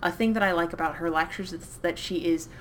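A woman co-hosting a podcast, chatting enthusiastically with quick asides. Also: fairly low pitch, a little hiss or hum. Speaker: podcast co-host. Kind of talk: casual chat.

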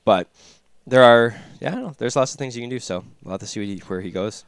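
A man's voice: mid-range voice, fast talker, gravelly, smooth, no room sound. A man co-hosting a casual fantasy hockey talk, rambling with many fillers and loose asides. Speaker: fantasy hockey podcast co-host. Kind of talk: casual chat.

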